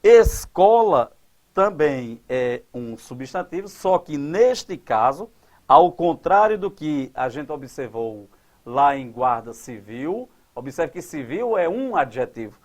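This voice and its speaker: A man teaching grammar at a board, quizzing his class and drawing out example words slowly. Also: a little high, big pitch swings. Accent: Brazilian Portuguese. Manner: didactic, asks the class questions and answers them.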